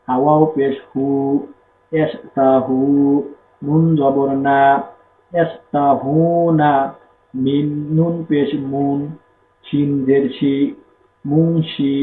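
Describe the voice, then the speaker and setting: A man teaching Quran reading, with a Bangladeshi Bengali accent, spelling out letters and vowel marks and blending them slowly into syllables. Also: on the high side, slight background noise. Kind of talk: slow spelling-out recitation lesson. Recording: echoey room, tinny phone-like sound.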